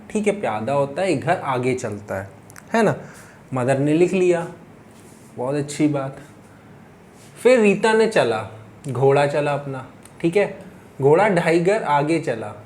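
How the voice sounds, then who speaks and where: High-voiced man teaching physics by story. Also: a little mellow. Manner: storytelling with frequent check-ins like "ठीक है"; asks and answers his own questions. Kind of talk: classroom lecture explaining by story.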